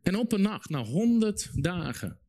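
A young man delivers a sermon with a somewhat high-pitched voice. He tells his story vividly and repeats key phrases to drive them home. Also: sing-song, unhurried, warm tone. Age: young adult. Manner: vivid storytelling, repetition for emphasis. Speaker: preacher.

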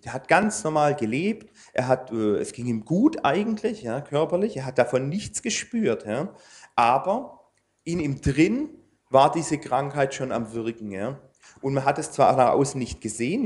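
A man delivers a sermon in an everyday, conversational manner at a medium pitch. He talks informally and often hesitates, dropping in fillers and tag questions as he works through his slides. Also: a little mellow. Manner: speaks to an audience using slides. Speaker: preacher.

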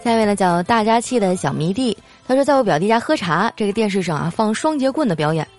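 A woman's voice: mid-range voice, sing-song, fast. Playful woman reading jokes over music. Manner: playful, laughs often, acts out quoted lines in a raised voice. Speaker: host reading listener jokes. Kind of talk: comic podcast joke reading. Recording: light background music.

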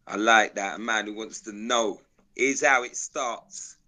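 A man's voice: lowish voice, measured pace, bright, forceful tone. A man with a South London accent, telling stories in street slang in an emphatic, declarative, repetitive way. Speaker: interview guest, videographer.

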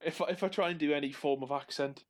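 A man with a Northumbrian accent co-hosting a podcast in casual banter, jokey, self-deprecating and quick to swear. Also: a little high. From Northumberland, England. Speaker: podcast co-host.

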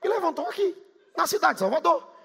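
A man from Bahia preaches a sermon with a quick Bahian accent, swinging into sing-song shouts. His voice sits very high, sharp and gravelly. The sound carries a long reverb from a large church hall. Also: very animated. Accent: Bahian Portuguese. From Bahia, Brazil.

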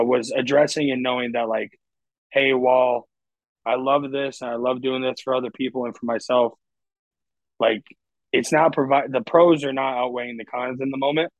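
A mid-range male voice belongs to a podcast guest in his twenties who wanders through his thoughts candidly in casual conversation, saying "like" a lot. There's no echo, and the lo-fi sound is dry and dull.

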